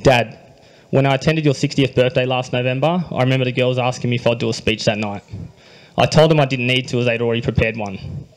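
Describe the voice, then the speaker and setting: A young man with an Australian accent reads a prepared groom's speech at a wedding reception, speaking into a handheld microphone. His delivery is dry and understated, with light jokes, frequent throat-clearing and a quiet emotional undercurrent. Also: mid-range voice, steady tone, fast, poor audio. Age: young adult. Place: wedding reception hall, indoors.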